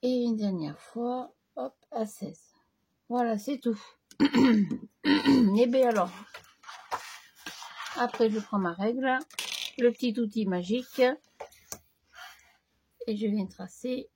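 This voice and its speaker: A woman hosting a crafting tutorial, chatting casually as she works, slightly hoarse and clearing her throat now and then. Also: a little high, a little mellow. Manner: slow, chatty, talks to herself while working.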